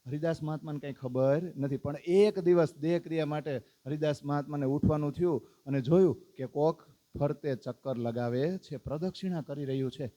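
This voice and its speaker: A man's voice: a little high, brisk, hardly any pauses, warm tone. A man giving a storytelling sermon, asking his listeners questions and acting out the characters' lines. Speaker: religious discourse speaker. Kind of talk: storytelling sermon to a live audience.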